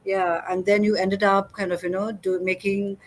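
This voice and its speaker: A woman's voice: mid-range voice, level tone, normal speed. A middle-aged woman hosting a casual interview chat, talking in a chatty way with many fillers and restarts. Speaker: host.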